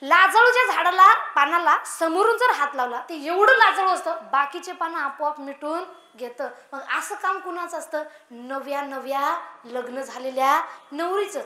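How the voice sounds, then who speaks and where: A woman's voice: high voice, moderate pace, sharp tone. A woman kirtan preacher who gives a playful devotional sermon full of storytelling and teases her audience. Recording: echoey hall.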